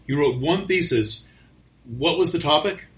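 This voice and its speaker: Bright-voiced man pressing with questions. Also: fairly high pitch, lively intonation, a little slow. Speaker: interviewer. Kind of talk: probing interview.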